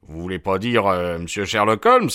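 Man doing gruff porter, blunt, colloquial, suspicious, lower voice, dry sound. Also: wildly swooping pitch, moderate pace, bright, forceful tone, no room sound, exaggerated voice. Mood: excited. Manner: blunt, colloquial, dropping negations. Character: gruff stocky male ex-boxer porter, suspicious.

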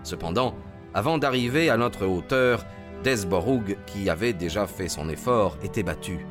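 A man narrating a detective story in a calm, measured, dramatic audiobook style. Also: lowish voice. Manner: calm and measured, rising to excited shouts in the race scenes. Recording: music bed under the voice.

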